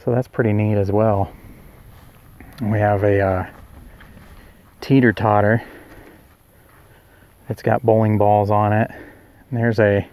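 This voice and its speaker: Outdoors with a handheld camera, an Oklahoma vlogger casually narrates his walk around a rural yard at a roadside attraction in a relaxed, talkative manner. His fairly low voice is clear, resonant, and a little mellow, with a level tone, slow pace, and frequent pauses.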